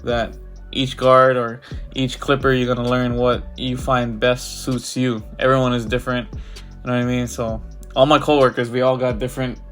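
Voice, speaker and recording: Talking over faint music, a congested barber with a cold explains his haircut tutorial at a moderate pace. His mid-range voice is a bit bright but flat, and his relaxed walkthrough leans heavily on fillers.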